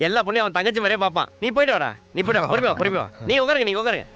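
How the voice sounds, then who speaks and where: A bashful young man cracks jokes in a lively, swooping voice. He teases and flusters by turns in a film comedy. A music score runs under his lines. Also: sits high, rapid-fire, lo-fi sound. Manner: bashful, playful comic banter. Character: shy joking young man in love. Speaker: young man Maanik, comic lead.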